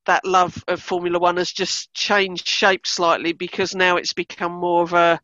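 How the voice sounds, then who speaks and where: Casting: woman, Essex accent, bright tone, casual podcast chat, dry muffled recording. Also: lowish voice, level tone, normal speed, no room sound. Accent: Essex English. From Essex, England. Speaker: podcast co-host and Formula One fan.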